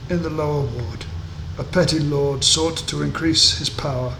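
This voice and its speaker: A man voicing a grave, cursed stone face from a game, speaking slowly and portentously like an ancient talking tree. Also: steady tone, sharp tone. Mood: weary, cursed. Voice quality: creaking, rumbling. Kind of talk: video game dialogue read aloud. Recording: noisy, roomy home recording.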